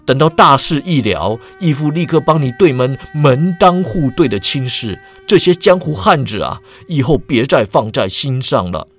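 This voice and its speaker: A man voicing a domineering old male eunuch lord who scolds sternly, his voice rising high when angered. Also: big pitch swings, unhurried, a bit bright, soft background music, full character voice. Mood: tender, soothing.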